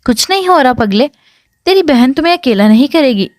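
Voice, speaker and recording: A gentle young sister, worn and fading, speaks softly and tenderly, as a woman reading aloud puts her on. Her voice is fairly high and moves freely in pitch, recorded dry and close like a storybook reading. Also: expressive, no echo. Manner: soft, weary, tender.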